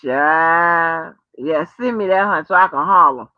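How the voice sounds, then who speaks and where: A deep-voiced American woman hosts at a measured pace, with no room sound but a dull lo-fi quality. She rambles casually to viewers and callers, swearing freely, stretching her exclamations and calling people by folksy names.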